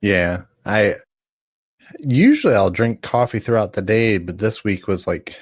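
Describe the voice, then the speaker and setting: A man's voice: on the low side, sing-song, a little slow, breathy edge, no room sound, studio quality. A tired man from the United States, a podcast guest, rambling and correcting himself with small chuckles. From American. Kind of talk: casual podcast chat.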